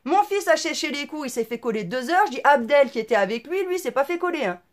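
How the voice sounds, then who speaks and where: A woman with a high-pitched voice tells her viewers about her grievances in a blunt, indignant rant. She uses crude slang, stumbles over her words and pads them with fillers, and sounds like a middle-aged person speaking off the cuff. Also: expressive, fast. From France. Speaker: vlogger. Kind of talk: casual storytelling rant to viewers.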